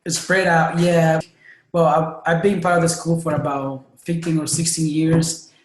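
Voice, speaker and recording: A man's voice: on the high side, flat delivery, moderate pace. A man in his thirties from Honduras with a Honduran Spanish accent, a native Spanish speaker, talking as a guest in a friendly, hesitant way. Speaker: guest, music school director. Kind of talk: casual interview. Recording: echoey room.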